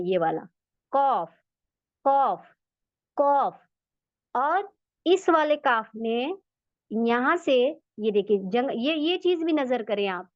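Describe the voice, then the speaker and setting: Slow, high-voiced woman teaching recitation. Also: dry recording. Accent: Urdu. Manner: patient, repeats sounds for practice. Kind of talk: slow step-by-step lesson. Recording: dull, dry lo-fi audio.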